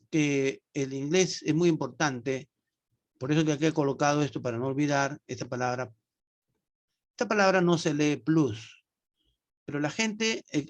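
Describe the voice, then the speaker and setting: A man teaches English over a video call, sounding out words slowly and often checking in with "¿no?". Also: fairly high pitch. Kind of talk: online class explanation.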